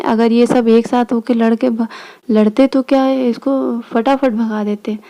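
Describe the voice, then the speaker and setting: A woman's voice: fairly high pitch, dark tone. A woman from India teaching a history lesson in a casual, chatty way, often stopping to check in with her listeners. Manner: chatty, frequent "theek hai" check-ins.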